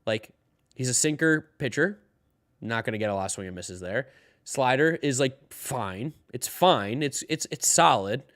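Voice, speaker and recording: The host of a daily live baseball stream speaks in an animated, mid-range, fairly bright voice at a moderate pace. Tired-sounding and loose, he rambles on, reading chat questions aloud and responding.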